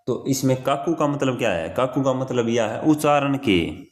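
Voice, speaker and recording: Young man, exam coach, casual grammar lesson, repeats key phrases, medium pitch. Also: lively intonation, moderate pace. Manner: repeats key phrases, addresses listener as bhai. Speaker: exam prep teacher.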